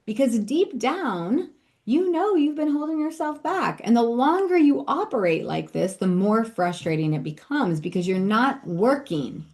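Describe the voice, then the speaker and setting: A woman's voice: on the high side, very animated, measured pace, darkish tone. A woman in her thirties, a business coach hosting a podcast, talking energetically and emphatically in a casual motivational monologue full of rhetorical questions.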